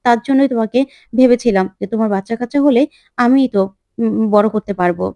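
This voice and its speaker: Lady reading out a pushy nosy young wife, mellow voice, dry sound. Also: a little high, fast talker, dry recording, dull audio, close to an everyday voice. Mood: prying. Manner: coaxing, pushy questions. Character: nosy prying young married woman.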